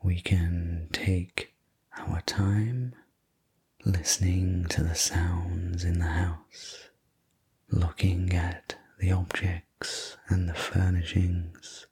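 A man whispering slowly and soothingly as a sleep story narrator, in a whispered role-play as a courteous head servant with a breathy voice. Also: low voice, warm tone. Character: courteous male head servant guiding a manor tour.

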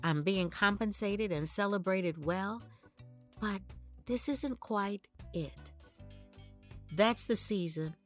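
A woman's voice: medium pitch, slow, pauses often, faint music behind. A woman hosting an inspirational ministry podcast, speaking in a conversational, preaching style with rhetorical questions and dramatic emphasis. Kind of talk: motivational sermon-like monologue.

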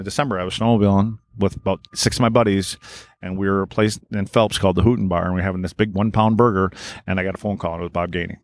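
A man's voice: fairly low pitch, dry recording. A man, a podcast guest telling blunt, profane stories and acting out both sides of old conversations. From Wisconsin. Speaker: podcast guest, former hockey player. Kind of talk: casual storytelling.

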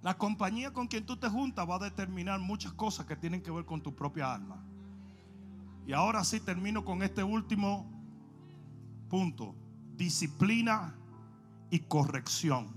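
A male pastor preaching a sermon in an animated storytelling manner, speaking to his congregation. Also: sits high.

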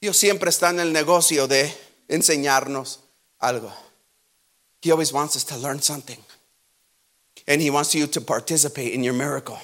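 High bright-voiced bilingual preacher man. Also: a little slow, long pauses. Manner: switches between Spanish and English, acts out Bible scenes with shouting. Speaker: pastor. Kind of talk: bilingual sermon.

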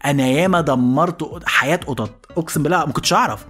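Egyptian comedy host, quick-talking, high voice, light music behind. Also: male voice. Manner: rapid, animated, jumps into voices. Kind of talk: comic storytelling monologue.

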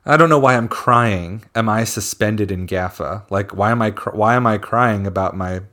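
A man's voice: fairly low pitch, fairly even intonation, normal speed, fairly bright tone. A man, a musician guest, chatting casually and animatedly, spinning playful theories. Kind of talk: casual chat.

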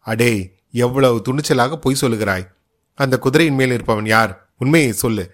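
A man's voice: mid-range voice, normal speed, close to an everyday voice. A man voicing a stern male spy who threatens a captive for the truth. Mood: menacing.

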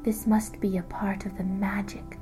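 A timid young girl, as a woman reads her, with a higher, breathy, hushed voice. She sounds frightened and wondering, with soft music faintly underneath. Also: flat delivery, moderate pace, lightly acted. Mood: anxious.

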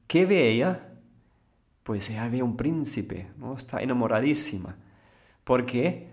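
A man giving a calm, explanatory spiritual talk as a teacher, often asking rhetorical questions and then answering them. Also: mid-range voice.

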